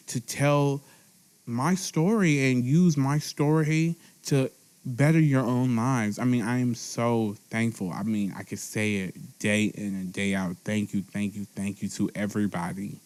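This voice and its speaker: Young male podcaster, slightly drunk, sincere solo talk, mid-range pitch. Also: darkish tone. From Texas. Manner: earnest, heartfelt, repeats phrases. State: tipsy. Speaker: podcast host. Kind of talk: emotional solo monologue. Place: seated at a table at home.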